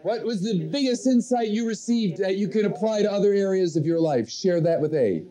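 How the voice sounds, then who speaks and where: A man leading a live motivational seminar, giving slow, emphatic instructions and repeating key phrases. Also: high voice, lively intonation, a crowd in the background. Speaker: firewalking seminar leader.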